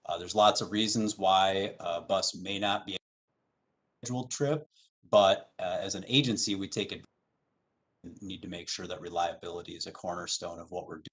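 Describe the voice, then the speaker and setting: Man, very low voice, halting briefing with fillers, video call audio, glitchy and dropping out. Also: fairly even intonation, a bit bright. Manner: halting, many filler sounds and restarts. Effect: corrupted audio that keeps cutting out. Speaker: transit agency official presenting to a council committee. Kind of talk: formal briefing on a remote meeting.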